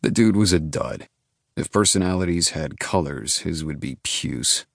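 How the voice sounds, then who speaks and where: Very deep gravelly man narrating. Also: expressive, unhurried, dry recording, clean studio sound. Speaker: audiobook narrator. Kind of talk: first-person scripted narration.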